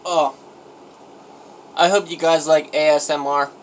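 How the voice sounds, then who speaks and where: A man vlogging a gross eating challenge, his voice sitting a little high for a man. He moans, grumbles and over-dramatizes his suffering between bites. It is a casual phone recording at home with a faint hum of noise underneath. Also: fairly even intonation, a little slow, rough recording. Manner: groaning, self-pitying and exaggerated.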